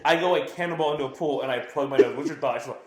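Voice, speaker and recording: A man's voice: on the high side, very fast, echoey room, a crowd in the background. A young man co-hosting a casual podcast, telling stories in a rambling way and laughing often. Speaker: podcast co-host. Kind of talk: casual chat.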